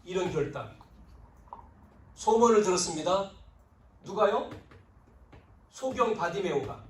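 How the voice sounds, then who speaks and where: A male pastor preaching a sermon, swinging between loud emphatic lines and hushed asides, acting out biblical figures in quoted speech. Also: sits high, lively intonation, measured pace, a little hiss or hum. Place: church sanctuary. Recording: roomy, distant church recording.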